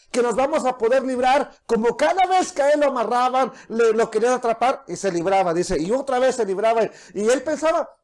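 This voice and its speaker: A man preaching a sermon as pastor, earnest, often restarting his words. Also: very high-pitched. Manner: earnest preaching with frequent restarts, acts out soft quoted voices.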